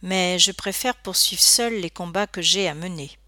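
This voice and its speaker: Woman doing a soft-spoken articulate boy. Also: fairly low pitch, normal speed, no room sound, studio quality. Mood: calme. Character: calm, well-spoken teenage boy.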